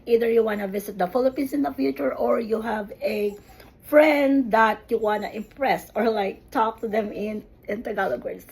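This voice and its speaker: A woman who teaches Tagalog, giving a language lesson and slowly repeating each word so learners can follow its pronunciation. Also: fairly high pitch, darkish tone, breathy edge, rough recording. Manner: slow, deliberate, repeats words for pronunciation. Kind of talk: slow spoken language lesson.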